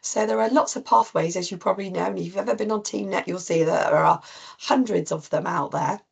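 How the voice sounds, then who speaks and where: A woman with a cold, husky and coughing, giving an informal online talk to practice teams with many ums and restarts. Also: lowish voice, a little fast. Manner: rambling with frequent ums and restarts. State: coughing, voice strained. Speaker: clinical lead presenting to practice teams. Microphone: video call.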